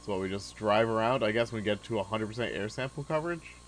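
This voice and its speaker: A young man casually commenting on a game he is playing, relaxed and chatty, with many filler words. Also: lowish voice, fast, a little hiss or hum, rough recording. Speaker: gaming video host. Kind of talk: casual let's-play commentary.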